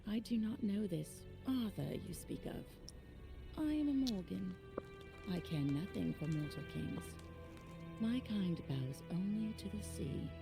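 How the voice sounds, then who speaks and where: A woman's voice: medium pitch, animated, measured pace, vocal fry. A woman playing a possessive, hungry female sea creature who seduces mortals in a sultry, tempting game performance. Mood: sultry yearning. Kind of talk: video game voice acting. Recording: music playing behind.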